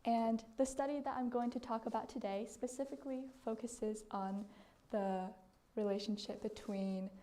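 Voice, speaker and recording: A teenage girl whose first language is Chinese gives an earnest, slightly halting research presentation to a group. Her voice is fairly high and dark in tone, held steady.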